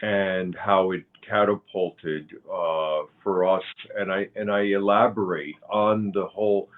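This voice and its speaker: Cuban-born man, 60s, very deep and unhurried, halting fillers; thin phone-like audio. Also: fairly even intonation. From Cuba. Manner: slow, halting, with many fillers and restarts. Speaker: guest, author and pagan high priest. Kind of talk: interview conversation.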